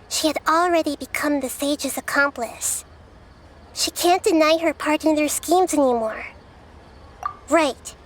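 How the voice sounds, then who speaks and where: A woman voicing a wise, gentle, youthful girl sage in a video game, measured and poetic. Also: high voice, slight background noise, natural voice. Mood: thoughtful, resolved.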